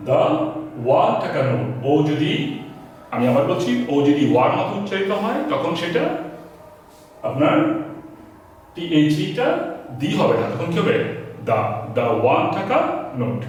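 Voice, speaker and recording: A man's voice: a little high, very animated, unhurried, long pauses, slight background noise. Bangladeshi male English teacher at a board, repeats and spells out examples, recorded in a very echoey room from a distant mic. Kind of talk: spoken grammar lesson. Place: classroom with a board.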